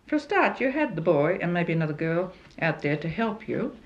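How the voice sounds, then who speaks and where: A woman's voice: fairly low pitch, sing-song, normal speed. Older woman reminiscing, muffled old tape. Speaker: interviewee. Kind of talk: reminiscing interview. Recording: muffled archival recording.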